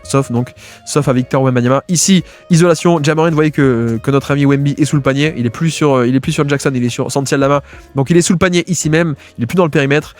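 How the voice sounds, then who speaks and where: A man giving casual, fast-paced commentary as he breaks down basketball game film, with many fillers and restarts. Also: medium pitch. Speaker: basketball video analyst.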